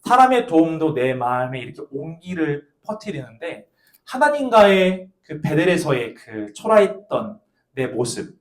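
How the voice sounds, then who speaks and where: A man in his thirties preaching a sermon, telling a personal story in a playful, animated way and speaking straight to young listeners. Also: a little high, measured pace. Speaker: pastor. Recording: echoey church hall.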